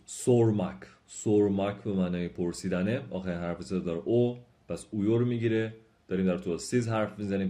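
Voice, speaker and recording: A man teaching a language lesson, explaining each point patiently and repeating example sentences slowly and clearly, in a polite, formal tone. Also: low-pitched, dark tone. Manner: polite and formal toward the viewers. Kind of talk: spoken lesson.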